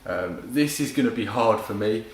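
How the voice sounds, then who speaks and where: A man's voice: lowish voice, moderate pace, reverberant, rough recording. A male fitness instructor leading a home workout, casual and encouraging, calling out cues while he exercises and getting out of breath. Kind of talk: home workout class demo.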